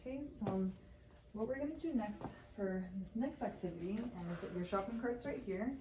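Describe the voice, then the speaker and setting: A woman's voice: mid-range voice, lively intonation, moderate pace, reverberant, distant mic, noisy background. A woman working as a home health therapist, guiding a patient through exercises with patient, encouraging instructions and frequent fillers. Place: home kitchen and pantry.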